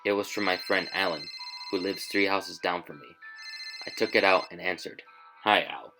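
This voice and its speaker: A man narrating a scripted first-person horror story in a measured, tense way. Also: low voice, fairly even intonation, bright, forceful tone, soft background music, rough recording.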